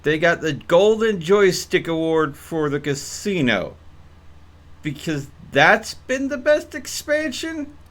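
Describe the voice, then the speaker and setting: Speaking slowly with big pitch swings, this young gaming streamer has a higher, slightly bright voice. His casual live-stream commentary comes out rambling and hesitant.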